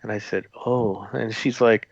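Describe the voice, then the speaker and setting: A man's voice: on the low side, fairly even intonation, measured pace, gravelly, dry recording. A man, a former theme park custodian, telling a story in a conversational, rambling way with many fillers and restarts. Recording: dull lo-fi audio, dry.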